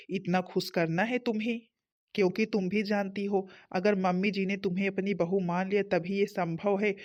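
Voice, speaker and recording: An actor voicing a young cartoon husband who calmly soothes and instructs his wife. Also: medium pitch, close to an everyday voice. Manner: soothing, lecturing. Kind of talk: cartoon story voice acting.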